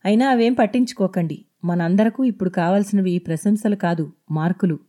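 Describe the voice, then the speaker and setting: A man's voice: high-pitched, brisk, dark tone, lightly acted. A woman reading the lines of a friendly young male student who jokes to ease the tension in a spoken story. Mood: light. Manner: light, joking.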